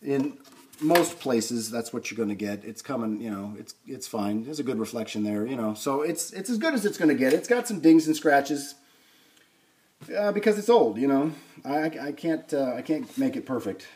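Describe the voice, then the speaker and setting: Animated and dark-ish in tone, this mid-range male voice moves at a normal speed. He hosts a vintage record player restoration series and casually works through a repair on camera, voicing his thoughts without a script.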